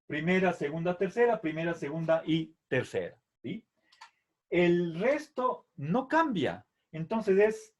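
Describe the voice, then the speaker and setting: A middle-aged man teaching a Latin grammar lesson, patiently explaining and repeating verb forms, checking in with "¿sí?" after each point. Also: a little high. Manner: drills verb forms slowly, syllable by syllable. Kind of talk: slow classroom explanation.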